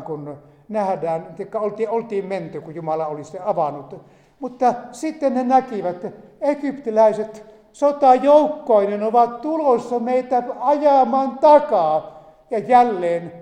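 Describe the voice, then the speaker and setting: A man's voice: high voice, dark tone. A man preaching a sermon, retelling a Bible story with emphatic rises and asides. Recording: echoey hall reverb.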